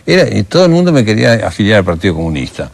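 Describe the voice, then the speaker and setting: With a low, gravelly voice and a very fast delivery, an older man from the Rioplatense region of Argentina shares memories for a documentary interview. He's a lively storyteller who performs remembered dialogue as he goes.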